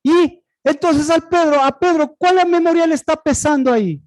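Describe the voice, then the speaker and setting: A preacher delivers a sermon at normal speed, posing rhetorical questions and answering them himself. The voice lurches abruptly from loud, high cries to low murmurs. The audio quality is poor.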